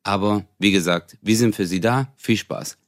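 Brief: man putting on a calm, courteous hotel receptionist, pitched lower and softer. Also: moderate pace, no echo, studio quality, close to an everyday voice. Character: polite hotel receptionist, patient and formal.

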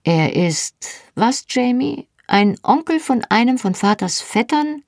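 A woman voicing a brisk young Highland woman, the bustling sister, in a higher, quick voice. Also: expressive, a little mellow, no echo, studio quality. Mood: lively.

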